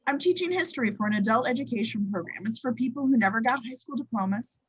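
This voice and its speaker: A woman reading a dry, sardonic schoolteacher with a husky voice in an amateur sitcom table read. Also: a little high, fast. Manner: dry, deadpan.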